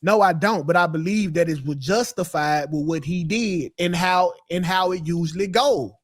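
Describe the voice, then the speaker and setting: A man's voice: high-pitched, moderate pace, dry recording, clean studio sound. A man arguing as a guest on a panel, combative and scoffing, using street slang. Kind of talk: heated panel debate.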